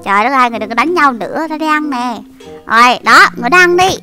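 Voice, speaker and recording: A young woman giving excitable, giggly gameplay commentary full of dramatic exclamations. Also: high-pitched, quick pace, faint music behind. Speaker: game YouTuber.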